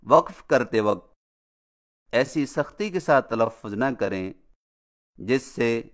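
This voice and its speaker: Smooth-voiced man teaching recitation. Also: medium pitch. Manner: explains calmly, then chants example words slowly and drawn out. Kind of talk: tajweed lesson with slow recited examples.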